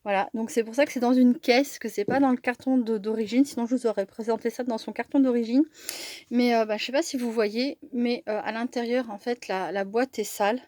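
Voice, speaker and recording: A crafting vlogger chats casually through a haul of craft supplies, sounding hesitant, with many fillers and restarts. Her voice is on the high side, steady and darkish, a little fast, with no room sound.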